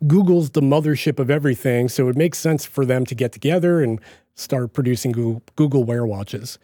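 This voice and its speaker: A man's voice: medium pitch, dark tone, dry recording, clean studio sound. A man with a Boston accent hosting a podcast, talking in a casual, rambling way with lots of fillers and restarts. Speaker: podcast host. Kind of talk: casual solo podcast talk.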